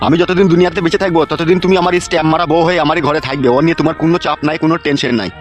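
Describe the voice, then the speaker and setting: A sly, bossy cartoon father voiced by a man rattles off his lines at breakneck speed. The voice is a bit high and brusque, with faint music running behind. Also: steady tone, natural voice. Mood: scheming. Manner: brusque, teasing, quick-talking. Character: scheming middle-aged father, sly and bossy. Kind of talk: cartoon comedy voice acting.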